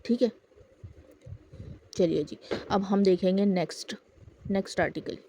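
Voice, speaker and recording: A woman's voice: medium pitch, steady tone, unhurried, warm tone. A woman who runs a boutique and works as a lecturer, walking viewers through designer outfits in a chatty sales style full of fillers. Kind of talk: product showcase talk.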